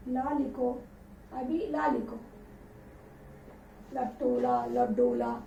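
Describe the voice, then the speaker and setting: A woman's voice: high-pitched, huge pitch swings, slow pace, vocal fry, mellow, slight background noise. A woman teacher giving a patient alphabet lesson, repeating each letter with example words as she dictates. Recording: roomy, distant, dull lo-fi sound.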